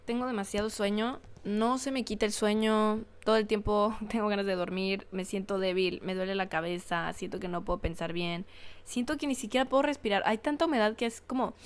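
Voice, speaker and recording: A woman's voice: mid-range voice, smooth. A woman with a Mexican Spanish accent, hosting a casual solo podcast and talking in a chatty, rambling, frank way, full of fillers and the odd swear word. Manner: chatty, rambling, frank and profane, with frequent filler words and laughs. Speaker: podcast host.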